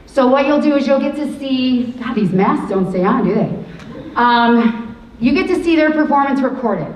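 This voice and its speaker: A woman who is a drama teacher gives a rambling, enthusiastic welcome speech from a school auditorium stage. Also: high voice. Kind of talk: welcome speech to a live audience. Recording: echoey hall, far from mic, faint hiss.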